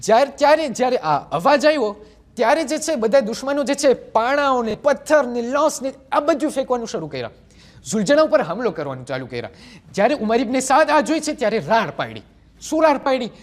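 A teenage boy preaching a sermon to a gathering, his voice swooping up and down as he tells the story. He asks his listeners question after question in an animated, storytelling manner. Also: extremely high pitch, brisk. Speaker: majlis preacher.

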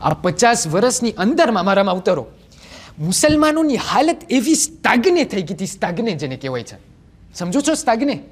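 A seventeen-year-old young man giving a religious sermon to a gathering, telling the story with animated delivery and rhetorical questions. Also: high-pitched, normal speed, breathy edge. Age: 17, teenage. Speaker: majlis preacher.

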